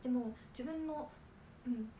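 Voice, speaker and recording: A young woman from Kanagawa hosting a casual livestream, reading viewer comments aloud and answering politely with lots of soft fillers. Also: a little high, a little slow, a little hiss or hum. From Kanagawa, Japan. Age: young adult. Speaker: idol trainee hosting a livestream.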